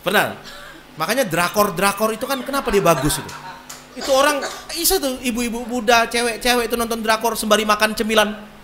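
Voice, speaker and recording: A male pastor, preaching a sermon in animated, colloquial style and acting out voices. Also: high voice, a little fast, faint music behind.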